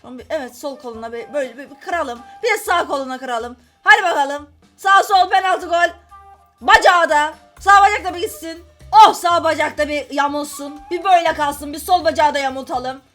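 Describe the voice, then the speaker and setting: A woman hosting a gaming channel, giving casual gameplay commentary, scolding the characters and swinging from high squeals to low muttering. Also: fairly quick, fairly bright tone, faint music behind.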